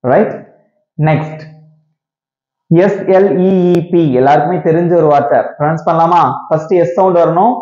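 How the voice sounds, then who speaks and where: A man leads a pronunciation lesson in a mellow, slightly raised voice, repeating each sound for his learners and checking in with "okay?" and "right?". The room is roomy and echoey, and the recording sounds dull and lo-fi. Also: fairly high pitch. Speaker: English pronunciation teacher. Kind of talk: classroom-style pronunciation lesson.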